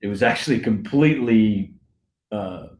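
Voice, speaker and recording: A man's voice: on the low side, normal speed, a little mellow, a little hiss or hum. A man, a stadium announcer, telling stories with enthusiasm and frequent laughs in a casual interview. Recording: roomy echo.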